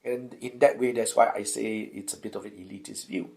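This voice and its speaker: A middle-aged man with a Singaporean accent speaks in an interview, his voice gravelly. He thinks aloud, restarting phrases and tagging points with "right?". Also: fairly low pitch, steady tone, a little fast, darkish tone. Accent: Singaporean English. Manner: thoughtful, many restarts and rhetorical "right?". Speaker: university lecturer, interviewee. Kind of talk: reflective interview answer.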